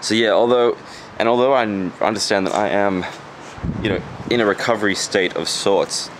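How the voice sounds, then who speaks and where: A man's voice: lowish voice, steady tone, a little fast. A young man chatting casually and dryly to a handheld camera at home, with a sore, swollen jaw. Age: young adult. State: sore, swollen jaw after wisdom teeth removal. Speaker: vlogger. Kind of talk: casual rambling vlog chat. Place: at home, mostly living room and kitchen. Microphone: camera at arm's length. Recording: roomy handheld camera sound, faint noise.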